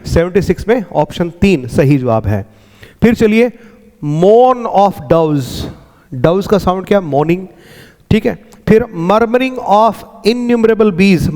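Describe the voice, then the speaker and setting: A man going through exam answers as a teacher, slowly explaining and repeating words to drill pronunciation. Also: high-pitched, warm tone, in a large hall. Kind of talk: exam answer walkthrough lesson.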